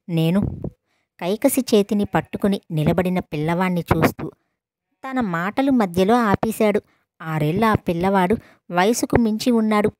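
A woman reading a novel aloud as an audiobook narrator, in a steady storytelling manner, voicing the characters' dialogue in her own voice. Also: medium pitch, no echo.

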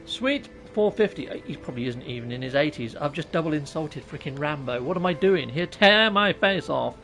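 A British man in his thirties, his voice a little high, animated and fairly bright, talks a little fast while live-streaming a game and chatting casually with viewers. He cracks jokes and mocks himself. The recording is rough, with faint music behind, captured by a USB mic on his laptop in a small room at home.

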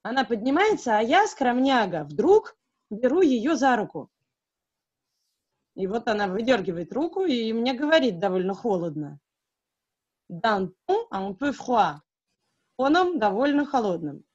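A woman teaching French, reading a graded reader aloud slowly and explaining it in Russian. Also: on the high side, sing-song, darkish tone, breathy edge. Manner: slow, careful reading with pauses to translate. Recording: dull, lo-fi recording.

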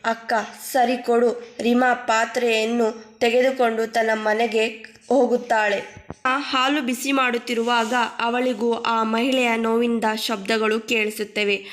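A woman telling a cartoon horror story in a steady, plain way. Her voice sits a bit high, and the narration runs evenly from scene to scene. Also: unhurried.

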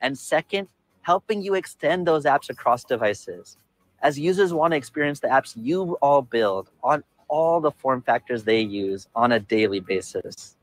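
A man in his forties delivering a scripted tech keynote presentation outdoors on a city rooftop, upbeat and measured. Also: medium pitch, expressive, no echo.

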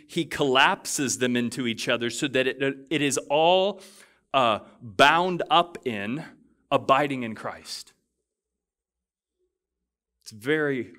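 A man's voice: mid-range voice, fairly bright tone. A male pastor delivers a sermon in a mid-range voice, talking to the congregation in a loose, conversational way with frequent restarts. At key phrases he swells into emphatic, rising declarations. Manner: conversational asides with fillers and restarts. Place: church.

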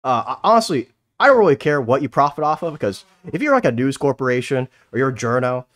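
A man's voice: medium pitch, sing-song, fast talker. A man hosting a casual group podcast, hesitant and full of fillers as he gives his opinions. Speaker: podcast host.

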